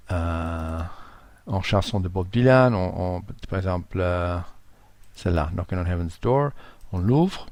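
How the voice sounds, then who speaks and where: A man speaking French as a non-native with a foreign accent, giving an informal screen-share tutorial, halting and searching for words. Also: low-pitched, a little mellow, no room sound. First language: not French. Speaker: tutorial presenter.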